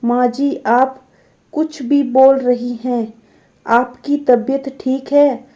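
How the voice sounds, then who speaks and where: A woman voicing a gentle, worried young daughter-in-law who pleads politely, on a dull lo-fi recording. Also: high voice, steady tone, slow. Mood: pleading.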